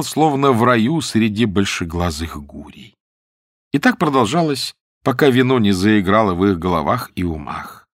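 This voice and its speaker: A man narrating classic tales as an audiobook reader, in a measured storytelling manner that slows for key words. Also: medium pitch, no room sound, clean studio sound.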